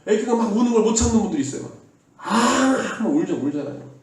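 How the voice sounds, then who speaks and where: A man's voice: high-pitched, sing-song, quick pace, a little mellow. A male pastor preaching a sermon, earnestly urging his congregation and leading them in call-and-response. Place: church sanctuary. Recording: echoey hall from far off.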